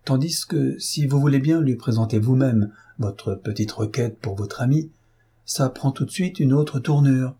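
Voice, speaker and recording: A worldly gentleman speaks in a storybook reading, as a man voices him. He sounds half serious and half ironic, coaxing and wry. His voice is mellow and warm, with a husky edge. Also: mid-range voice, measured pace. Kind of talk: audiobook reading.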